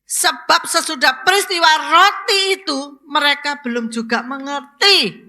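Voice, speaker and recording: A woman's voice: high-pitched, unhurried, bright, forceful tone. A woman pastor, preaching a sermon and asking the congregation questions, rising to emphatic exclamations.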